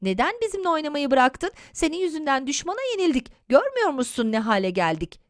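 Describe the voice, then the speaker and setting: A reproachful game warrior scolds quickly and loudly, as a woman reading the story puts him on. The delivery is rushed and accusing, in a dry, close sound. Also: high voice, sing-song, dry recording, pitched above the performer's own voice.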